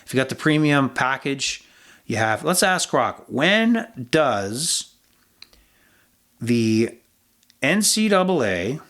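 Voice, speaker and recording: A man's voice: mid-range voice, sing-song, takes it slowly, pauses often, fairly bright tone. A man hosting a sports podcast, talking casually about football and betting picks, rambling and swearing as he goes. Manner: rambling, swears freely, frequent fillers and restarts. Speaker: podcast host.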